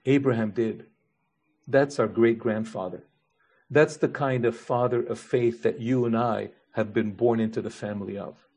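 A man's voice: mid-range voice, fairly even intonation, moderate pace, darkish tone, breathy edge. A man preaching a sermon as pastor, earnest, building his points with repeated rhetorical questions.

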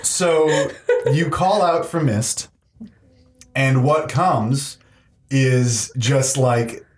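Guy running a tabletop game, slow halting narration, kinda echoey room. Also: medium pitch. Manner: unhurried, halting descriptions with fillers. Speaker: game master.

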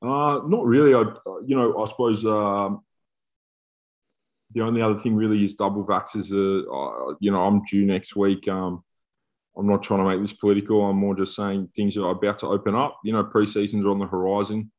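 A man with a slightly low voice co-hosts a casual podcast. He talks like one of the lads, joking and throwing in slang as he goes. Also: fairly even intonation, normal speed, a little mellow. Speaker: podcast co-host, rugby player turned coach.

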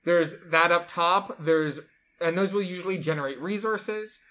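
An enthusiastic co-host walks through a board game's rules in a casual, chatty way, sprinkling in plenty of "like"s. The voice sits at a middle pitch. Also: unhurried, a bit bright. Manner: enthusiastic, chatty, lots of fillers like "like". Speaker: board game show co-host. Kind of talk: casual chat explaining game rules.

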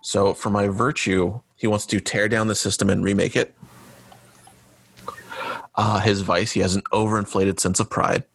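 Gravelly, husky-voiced man player. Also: fairly low pitch, little pitch movement, moderate pace, long pauses, dry recording. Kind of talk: casual tabletop game chat.

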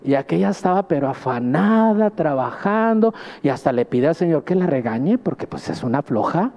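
High-voiced emphatic preacher in a reverberant hall. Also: male voice, sing-song, moderate pace, vocal fry, darkish tone, dull audio. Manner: emphatic, keeps addressing listeners as brother. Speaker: pastor. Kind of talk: sermon.

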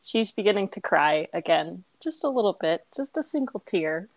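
A woman narrating a tabletop role-playing game as game master, describing scenes gently. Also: mid-range voice, big pitch swings, normal speed.

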